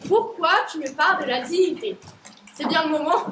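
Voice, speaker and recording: A woman's voice: sits high, normal speed, background noise, lightly acted. A teenage girl acting in a school stage play as a blunt, exhausted young working woman, recorded from far off in an echoey hall. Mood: scornful. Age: teens. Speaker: high school stage actor.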